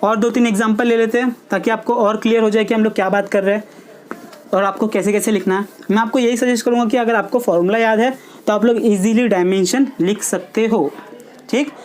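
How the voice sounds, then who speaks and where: With a slightly high, mellow voice and fairly even intonation, a woman briskly teaches physics at a board. She poses questions to the class, answers them herself, and tags on quick checks like "theek hai."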